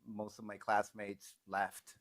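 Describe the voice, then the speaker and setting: A man's voice: fairly low pitch, completely flat delivery, takes it slowly, a bit bright, dry recording, studio quality. A middle-aged man from Peru, a podcast guest, speaking thoughtfully in a conversational interview, with frequent fillers and restarts.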